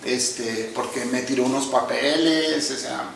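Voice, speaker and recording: A middle-aged man, a psychotherapist explaining emotions in a calm, measured, teacherly way. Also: mid-range voice, gravelly, a little hiss or hum. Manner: calm, measured, teacherly, often addresses listeners. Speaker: psychotherapist guest. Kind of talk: explanatory conversation. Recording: echoey room, distant mic.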